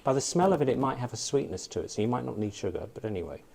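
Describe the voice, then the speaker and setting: A man's voice: medium pitch, animated, racing, vocal fry, crowd noise. An English man hosting a casual chat over tea in a visitor center, chatty, jokey and welcoming. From England. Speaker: host.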